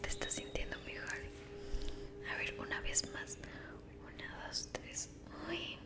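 Here a woman guides the listener in a whispered ASMR scenario, her pace unhurried and her tone soothing and supportive. Affectionate diminutives run through her loving phrasing.

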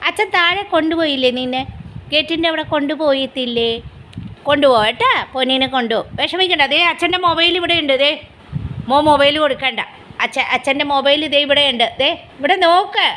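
A woman coos at her pet dog in a high, sing-song voice, all fond baby talk. She is filming on a phone at home, with a faint hum behind her. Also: bright, forceful tone. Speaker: pet vlogger. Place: home indoors.

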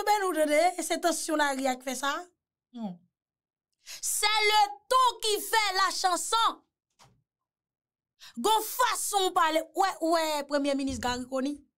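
A woman's voice: high voice, a bit bright. A Haitian woman giving a mocking, teasing commentary, slipping in French phrases. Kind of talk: animated commentary.

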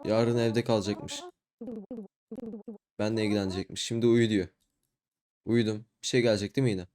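A young man giving low-key let's play commentary, muttering his way through a horror game and reading its dialogue aloud in a flat voice. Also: normal speed. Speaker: gaming YouTuber.

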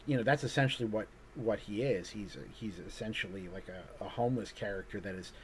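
Male artist, lowish voice, casual rambling talk with many fillers, faint background hiss. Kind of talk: casual conversation. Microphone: video call.

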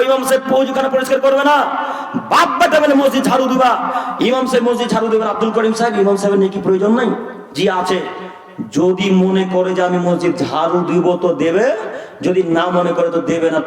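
A male preacher, delivering a sermon full of scolding rhetorical questions to his listeners. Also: high voice. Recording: echoey hall recorded from far off.

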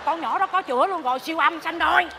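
A woman's voice: very high-pitched, fast, creaky, noisy background. A woman, playing a gossiping neighbor in a stage comedy sketch, full of exclamations. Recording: reverberant theater stage.

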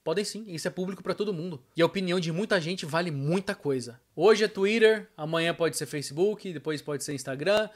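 A middle-aged Brazilian vlogger gives his opinions casually to camera, emphatic and colloquial, speaking straight to viewers from a small room at home that has an arcade machine. His voice is on the high side, a little fast, with hardly any pauses.

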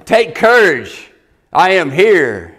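A man doing a gentle, reassuring Jesus. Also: high-pitched, very animated, exaggerated voice. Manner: gentle, slow, encouraging.

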